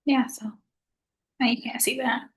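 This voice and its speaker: A soft-spoken woman chatting casually in a food vlog, talking at a low volume. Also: level tone, a little slow, rough recording. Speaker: vlogger.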